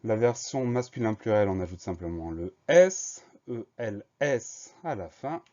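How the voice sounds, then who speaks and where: Patient man spelling words out slowly. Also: on the low side, lively intonation, a little mellow. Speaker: teacher. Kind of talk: spelling lesson, dictation. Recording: dull lo-fi sound.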